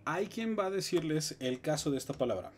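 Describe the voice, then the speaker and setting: A man with a Mexican Spanish accent, teaching English grammar in a live stream with lively explanations and joking asides. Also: fairly high pitch, brisk, slight background noise.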